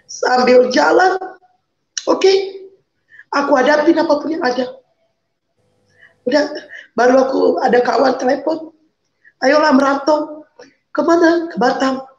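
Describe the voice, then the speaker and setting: Emotional woman, high voice. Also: measured pace, pauses often. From Medan, North Sumatra. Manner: emotional, pleading, repeats phrases. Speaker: guest. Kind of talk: emotional personal testimony. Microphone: video call. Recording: roomy, dull video-call audio.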